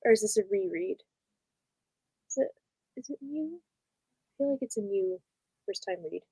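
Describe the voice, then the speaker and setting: A woman's voice: mid-range voice, animated, moderate pace, dark tone, breathy edge, no room sound. A young woman chatting casually as co-host of a reading livestream, giggling often and reading out viewer comments.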